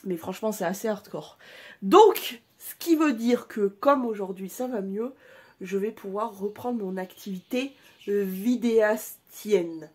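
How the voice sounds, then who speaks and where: A woman's voice: medium pitch, a little slow, a little mellow, slightly rough. A woman vlogger chatting casually at home, informal and chatty, with the odd casual swear word. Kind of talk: casual vlog chat.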